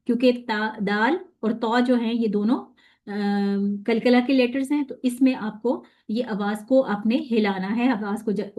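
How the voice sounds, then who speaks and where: A woman teaching a Quran pronunciation lesson. She explains step by step, asks and answers her own questions, and slowly sounds out Arabic letters and syllables as models. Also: a little high, dark tone. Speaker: tajweed teacher.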